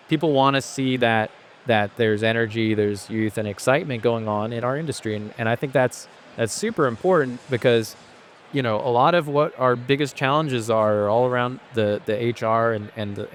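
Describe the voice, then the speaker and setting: In a casual interview conversation, a podcast guest and company founder who grew up in Asia talks at length, thoughtful and relaxed, often restarting his sentences. He has a mid-range voice at normal speed, and there is a little hiss or hum in the audio.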